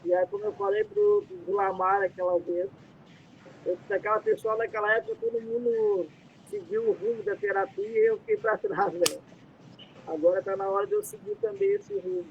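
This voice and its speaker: A man's voice: very animated, normal speed, creaky. A Brazilian man hosting a casual live stream from a dim room, talking in a rambling way with many fillers. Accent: Brazilian Portuguese. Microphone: computer mic, headset removed. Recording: muffled lo-fi audio with faint rumble.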